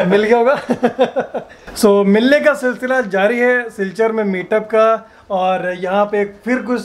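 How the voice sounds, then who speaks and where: Vlogging from a hotel room, this man in roughly his thirties from Uttar Pradesh, India, talks casually and animatedly into a handheld camera at arm's length. His voice is high-pitched and slow, and some room noise comes through.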